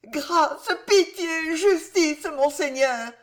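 A woman's voice: high-pitched, slow pace, voice pushed up. Woman reading as a frantic pleading young noblewoman. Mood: desperate pleading. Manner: frantic, sobbing pleas. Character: desperate young noblewoman, pleading wife and mother. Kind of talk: dramatic audiobook reading.

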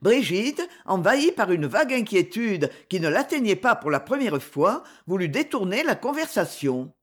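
Expressive woman reading a novel. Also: medium pitch, normal speed. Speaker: audiobook narrator. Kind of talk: scripted narration.

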